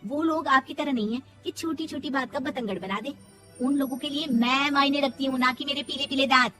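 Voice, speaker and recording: A woman's voice: high-pitched, a little fast, bright, forceful tone, voice pushed up. A woman voicing a proud, stubborn, pious young daughter-in-law, indignant and preachy, in a cartoon moral story. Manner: indignant, preachy, self-assured. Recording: music behind the voice.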